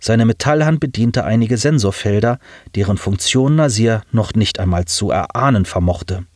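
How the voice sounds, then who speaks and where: A man narrating a science fiction audiobook in measured, expressive storytelling. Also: on the low side, no room sound, studio quality.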